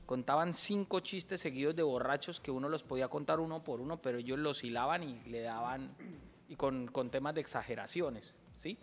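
A man with a Colombian accent, a comedian hosting a casual chat and telling jokes with animated acted-out voices. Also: medium pitch, fairly quick, long reverb tail, faint music behind. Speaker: comedian and show host.

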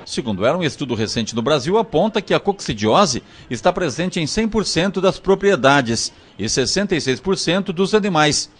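A man's voice: fairly high pitch, very animated, moderate pace, few pauses. A man narrating a local news report in a formal reporting tone.

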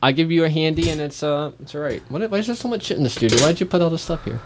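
A man hosting a casual chat show, teasing his guests with a lot of swearing and halting restarts. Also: a little high, noisy background. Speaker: host.

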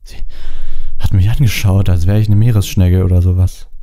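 A man's voice: sits low, steady tone, normal speed, warm tone, voice pushed up, lightly acted. A man voicing a mortified, panicked teenage boy who rambles breathlessly.

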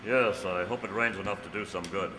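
On a hall stage, a man with a low-pitched voice, close to everyday speech and a little fast, plays a masked cowboy hero in an old-time radio western. He sounds calm and kindly, speaking in a declarative, reassuring, commanding way into a stand microphone, and the recording echoes.

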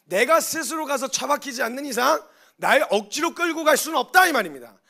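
A man preaches with a high, bright voice that cuts through, his delivery lively and full of little acted-out exchanges. He shifts between teaching and playing the people in his stories. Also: brisk, vocal fry. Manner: animated, acts out voices in dialogue. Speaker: missionary preacher. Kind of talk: sermon.

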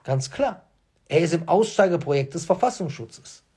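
A man with a high, husky voice and a lively, swooping pitch speaks straight to his viewers as the host of his own channel. He argues insistently, firing off rhetorical questions and hammering home his points by repeating them. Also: moderate pace. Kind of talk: emphatic monologue addressing viewers.

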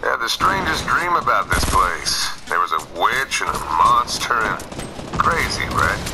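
A man's voice: lowish voice, sing-song, unhurried, noisy background. A man playing a laid-back, cocky cowboy gunslinger for a video game, drawling with an American Southern accent. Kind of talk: video game character voice lines.

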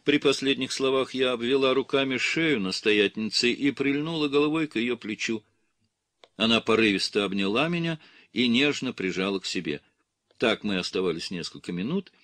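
Male audiobook narrator, calm measured reading, animated pitch, dry close sound. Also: no echo. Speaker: audiobook reader. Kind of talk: scripted literary narration.

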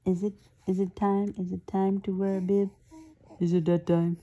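A young woman, a new mother, talking baby talk to her infant in a soft cooing voice that often drops to a whisper. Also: medium pitch, level tone, normal speed, lo-fi sound.

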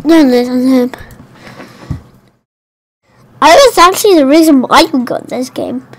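A woman giving casual, rambling gameplay commentary at home, excitable and often trailing off mid-sentence, with a slight cough. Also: sits high, fairly quick. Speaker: gaming YouTuber.

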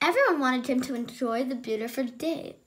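A woman's voice: sits high, a little fast. A woman hosting a children's storytime, reading a picture book aloud and adding her own asides. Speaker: storytime host.

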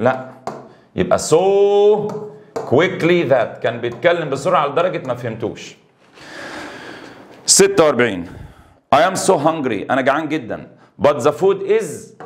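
A man with an Egyptian accent teaching English grammar, going through homework answers step by step and switching between English example sentences and Arabic explanation. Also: mid-range voice. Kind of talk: exam homework walkthrough.

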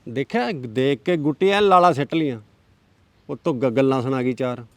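A man's voice: mid-range voice, normal speed, no echo, close to an everyday voice. A man playing a blunt, impatient village man in a village drama. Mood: gruff. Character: gruff village man sitting at the bar. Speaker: brother-in-law.

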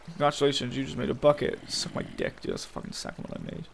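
A man's voice: mid-range voice, wildly swooping pitch, fast talker, vocal fry, a little hiss or hum. A young man giving casual, frustrated commentary while playing a game, swearing often and talking to his viewers. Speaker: gaming channel host.

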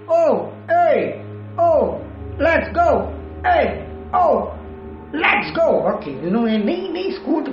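Brief: man, gaming host, high lively voice, echoey room with game music under. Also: highs cut off. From Brazil. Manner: excitable, exclamatory, talks himself through the game. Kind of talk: horror game let's play commentary.

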